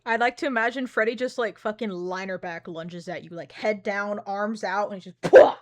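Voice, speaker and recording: A woman's voice: medium pitch, moderate pace, a bit bright. A woman streamer giving a casual live reaction, blunt and sarcastic, swearing freely.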